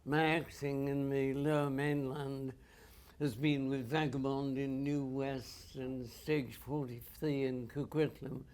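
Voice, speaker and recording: On a public panel, a man in the audience reminisces about the theatre, telling his memories in a dry, wry way that understates the humor. His medium-pitched voice moves little in pitch, and he speaks slowly with a darkish tone.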